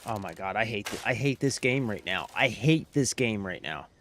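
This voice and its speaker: A man's voice: on the low side, expressive, fairly bright tone, a little hiss or hum. A man streaming a video game, commenting casually and swearing often as he vents. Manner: swears a lot, quick to vent.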